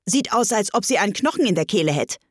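A woman voicing an excitable, brash griffin creature that speaks quickly, high and loud. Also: slightly rough, no echo, clean studio sound. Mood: excited.

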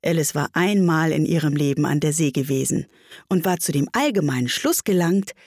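A woman narrating a classic children's tale as an audiobook, reading in an even storytelling manner. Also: low voice, fairly quick, breathy edge, no echo, clean studio sound.

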